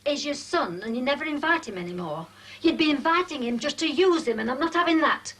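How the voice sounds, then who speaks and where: An actress playing a stubborn, fretful, sharp-tongued older wife in a TV drama. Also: female voice, sits high, animated, brisk. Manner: scolding, fretful. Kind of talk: naturalistic TV drama acting. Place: indoors in a house. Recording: distant mic, clear background noise.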